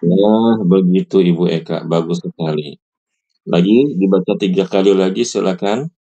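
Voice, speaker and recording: A man teaching Quran recitation to women, patiently correcting them and modeling each phrase slowly. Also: low-pitched, mellow, lo-fi sound. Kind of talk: online recitation lesson.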